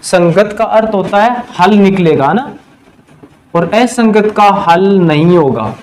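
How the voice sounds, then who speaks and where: A male math teacher giving a classroom lesson, quizzing his students and answering his own questions, and drawing out the key terms slowly. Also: high-pitched, expressive, darkish tone, a little hiss or hum, low-quality recording. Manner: slows to a drawn-out pace on key terms.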